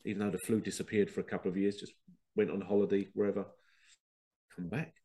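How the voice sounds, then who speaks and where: Congested from a head cold, this man hosts a podcast with a rambling, casual spiritual talk in which he frequently plays out quoted conversations. He speaks quickly in a fairly low, dark voice with little pitch movement.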